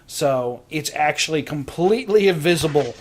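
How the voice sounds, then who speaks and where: A man's voice: a little high, expressive, normal speed, a little mellow. A young man hosting a let's play, explaining the game in casual, profane commentary with frequent laughs. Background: game music.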